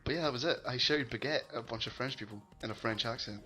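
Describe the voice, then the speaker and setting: A man's voice: mid-range voice, fast, sharp tone, soft background music. A Scottish man telling a story with lots of swearing and laughter over casual gaming chat. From Scotland. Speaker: gaming channel co-host.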